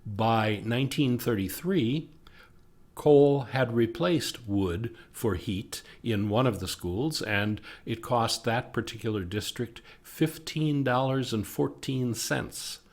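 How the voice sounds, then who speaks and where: Slow-paced American male narrator. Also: mid-range voice. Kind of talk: scripted local history narration.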